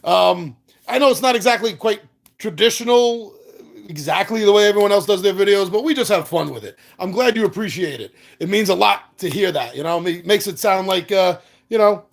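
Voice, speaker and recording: A man's voice: high-pitched, lively intonation, fairly quick, vocal fry. A man hosting a board game video, talking casually and rambling with lots of fillers, a little out of breath. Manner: rambling, self-deprecating, chatty with fillers. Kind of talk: casual chat to a live audience. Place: apartment.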